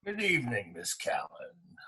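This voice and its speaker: An actor playing a genial, courtly town drunk with tipsy, rambling speech in a screenplay reading. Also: male voice, mid-range voice, huge pitch swings, a little slow, pushed and bright, exaggerated voice. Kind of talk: radio-play style screenplay reading.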